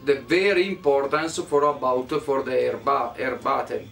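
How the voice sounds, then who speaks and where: A man's voice: mid-range voice, unhurried, gravelly, a bit bright, far from the mic, soft background music. A young man speaking broken, searching English as a second language, as a volunteer interviewed indoors by a fireplace. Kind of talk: halting interview answers. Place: living room by a fireplace.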